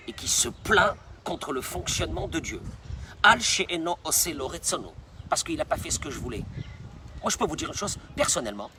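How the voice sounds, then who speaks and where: Emphatic high-voiced rabbi preaching. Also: male voice, noisy background. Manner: emphatic, repeats phrases for stress. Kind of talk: sermon.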